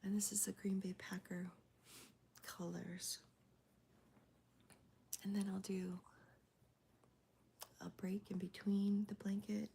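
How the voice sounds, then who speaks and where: A woman whispers through a live chat in a flat, even murmur, her voice gravelly from a cold. The tone is soft and mellow, with a faint hiss of ambience behind her. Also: mid-range voice, slow, pauses often. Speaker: crochet livestreamer. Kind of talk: whispered ASMR livestream chat. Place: home, early morning.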